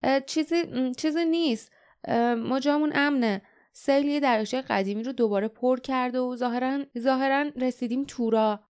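Nervous stammering young guy, woman reading him, storybook audio, a bit high. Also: darkish tone, smooth, natural voice. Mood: hesitant. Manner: hesitant, stammering. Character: young man, unsure and stammering.

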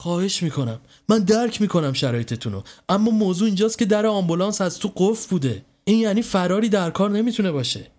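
A man's voice: high voice, animated, few pauses, darkish tone, pitched above the performer's own voice. A man voicing an apologetic, earnest ambulance officer in a narrated horror story.

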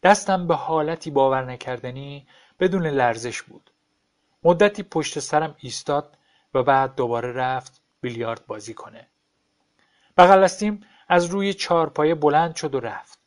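Calm, detached male narrator. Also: fairly high pitch. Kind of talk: audiobook story reading.

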